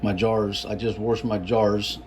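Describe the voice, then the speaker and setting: Halting, low-voiced man giving a casual cooking demo. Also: level tone, a little mellow, a little hiss or hum. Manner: halting, unhurried, folksy explaining. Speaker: home cook presenting a recipe.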